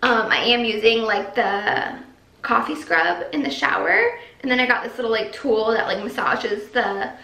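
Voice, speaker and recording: A woman's voice: fairly high pitch, animated, normal speed, bright, forceful tone. A young pregnant woman sitting at home, chatting casually through her vlog update, short of breath and rambling with lots of fillers. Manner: chatty, rambling, many likes. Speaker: vlogger. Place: empty nursery room at home, echoey. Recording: echoey bare room.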